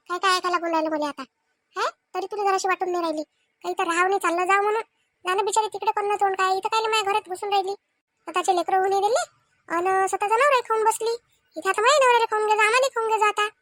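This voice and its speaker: Woman doing a shrill scolding village wife. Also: steady tone, fast, fairly bright tone, no room sound. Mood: bitter sarcastic. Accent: Vidarbha Marathi. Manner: scolding, sarcastic. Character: sharp-tongued quarrelsome village wife. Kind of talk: cartoon family comedy.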